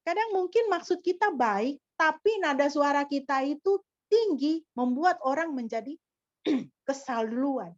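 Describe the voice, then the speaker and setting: Woman pastor preaching, high-pitched. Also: lively intonation, unhurried, no room sound, muffled recording. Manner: didactic, with frequent rhetorical questions. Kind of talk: sermon.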